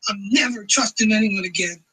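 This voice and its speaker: A woman playing a wary, earnest heroine in an animated series, speaking with dramatic urgency. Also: mid-range voice, brisk, slightly rough, low-quality recording. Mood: hurt, distrustful.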